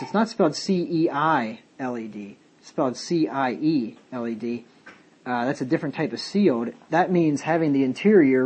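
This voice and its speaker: A man's voice: medium pitch, darkish tone, breathy edge. A man, a pastor, teaching a Bible study sermon, reading King James verses aloud and explaining them.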